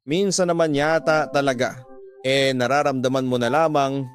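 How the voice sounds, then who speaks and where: A man's voice: mid-range voice, fairly even intonation, normal speed. A man reading a listener's love story aloud in an earnest, confessional first-person narration. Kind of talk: scripted narration. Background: music.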